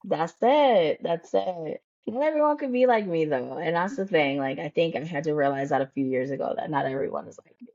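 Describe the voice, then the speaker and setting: Bold, blunt woman coach, low voice. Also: fairly quick, no echo, dull audio. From United States. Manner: bold, blunt, animated, laughs often. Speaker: guest, career development coach. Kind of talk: casual podcast conversation.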